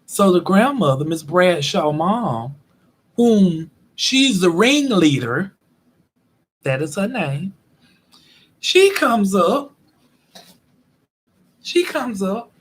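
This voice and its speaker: Husky man telling a funny story. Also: high voice, very slow, long pauses, low-quality recording. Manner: animated, swinging between quiet asides and loud bursts. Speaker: storyteller vlogger. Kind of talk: comedic storytelling.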